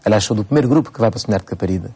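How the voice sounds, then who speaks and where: A man in his forties from Cape Verde, a priest speaking in a radio interview. His voice sits low and sounds mellow and relaxed. He talks unhurriedly and often pauses and restarts his phrases. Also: breathy edge. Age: 40s. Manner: unhurried, frequent hesitations and restarts. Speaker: priest, bishop-elect.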